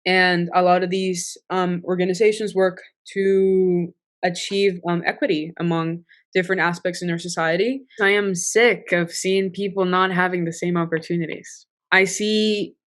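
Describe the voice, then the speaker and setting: A high school junior girl from Costa Rica speaking earnestly in an interview. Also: little pitch movement, normal speed. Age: teens. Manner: earnest, with "um" fillers. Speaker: interviewee, student. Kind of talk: casual recorded interview.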